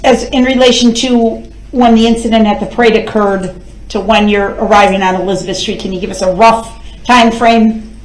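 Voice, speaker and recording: Female prosecutor, slightly high pitch. Formal, deliberate witness questioning, roomy courtroom echo. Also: steady tone. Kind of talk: courtroom examination. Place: indoors in a courtroom. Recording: echoey courtroom microphone.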